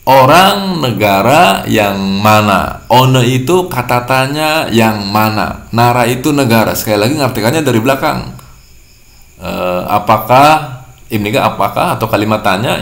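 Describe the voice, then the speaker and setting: A man's voice: mid-range voice, expressive, normal speed, creaky, fairly bright tone, echoey room. A man teaching a language lesson, patiently repeating and translating each word. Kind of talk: classroom-style lesson explaining vocabulary.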